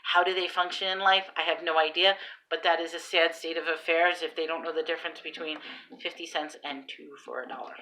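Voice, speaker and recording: A woman in her thirties with a New York Long Island accent, a vlogger and online seller, tells stories in a casual vlog as an animated, exclamatory storyteller. Her low voice is brisk, and the rough recording was made on a phone held at arm's length in a small room.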